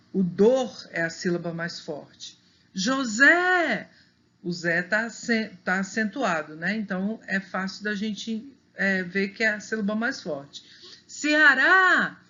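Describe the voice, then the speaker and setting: A woman's voice: a bit bright, dull audio. A woman teacher giving a recorded lesson to young children, patiently stretching out example words and checking in with frequent little questions. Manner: stretches out example words slowly and pitches them up for emphasis. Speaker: primary school teacher.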